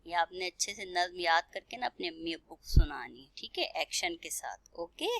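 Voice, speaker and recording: A woman teacher with a fairly low voice speaks to small children, sounding out each word slowly letter by letter. She keeps pausing to ask whether they follow. The recording is close and dry, with no room sound. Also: expressive, gravelly, no echo. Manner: spells words letter by letter, slows down to sound them out; keeps asking the children questions and checking "okay?". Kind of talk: recorded classroom lesson.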